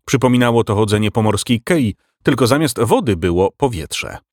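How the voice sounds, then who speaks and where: A man reading a fantasy audiobook with expressive storytelling. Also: mid-range voice, normal speed, dry recording, clean studio sound. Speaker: audiobook narrator. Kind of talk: scripted narration.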